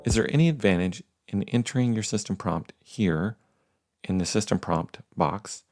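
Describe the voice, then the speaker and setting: A man presenting a screen-recorded software tutorial, explaining steps plainly with frequent filler words. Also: lowish voice.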